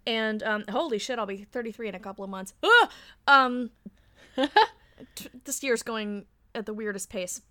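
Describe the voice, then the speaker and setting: A woman in her thirties, a podcast guest in casual chat, animated, laughing often and swearing freely. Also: a little high, moderate pace. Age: 30s.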